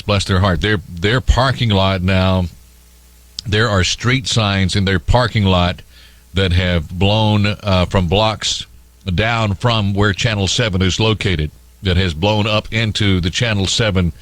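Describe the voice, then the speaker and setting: A man hosting a live emergency radio broadcast, ad-libbing in a halting way as he searches for words. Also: low-pitched, no room sound. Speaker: radio host. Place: radio station. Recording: background noise with electrical hum.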